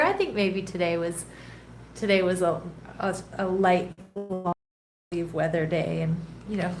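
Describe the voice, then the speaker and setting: A woman with a lowish, slightly congested and nasal voice hosts a live tarot reading from home in a rainy tropical place. She chats casually and greets viewers by name between soft laughs, in an echoey room with faint background noise.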